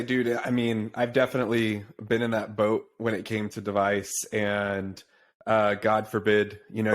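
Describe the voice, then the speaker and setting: Young man, podcast host, relaxed chatty talk, low voice, flat delivery. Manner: relaxed, chatty, says "dude" and "uh" often. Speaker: podcast host, pharma sales rep. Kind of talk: casual podcast conversation. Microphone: remote call.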